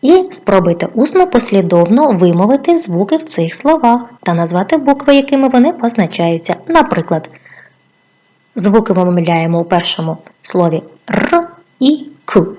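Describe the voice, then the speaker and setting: A woman's voice: medium pitch, normal speed, highs cut off. Encouraging woman teacher. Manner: lively, encouraging, sing-song questioning. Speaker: primary school teacher. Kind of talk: video lesson for young children.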